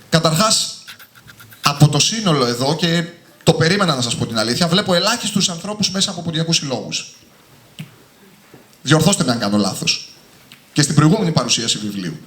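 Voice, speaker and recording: A man with a slightly high, lively voice speaks with passion and emphasis to an audience, hammering home each point. The room around him is echoey, like a hall with a live crowd. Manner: passionate, emphatic, often ending points with a tag word. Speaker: author and singer presenting his book. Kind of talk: public talk at a book presentation.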